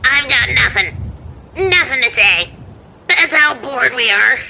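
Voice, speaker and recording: A woman's voice: sits high, expressive, measured pace, creaky, pushed and bright, exaggerated voice, poor audio. A woman voicing a sinister, gleefully violent girl companion in a cartoon, with a sing-song, menacing manner.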